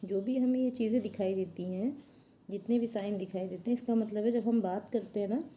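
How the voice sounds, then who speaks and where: A woman's voice: mid-range voice, fairly even intonation, brisk, muffled recording, slight background noise. A woman teacher reading a storybook chapter to children and patiently explaining what its words mean. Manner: patient, explains word meanings simply.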